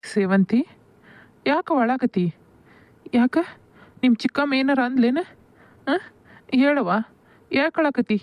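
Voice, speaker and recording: A woman's voice: high-pitched, measured pace, pauses often, darkish tone, dry recording. A woman voicing a kind, doting middle-aged village father in a cartoon, coaxing and affectionate, with a North Karnataka Kannada accent. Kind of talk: cartoon voice acting. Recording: dull lo-fi dry audio.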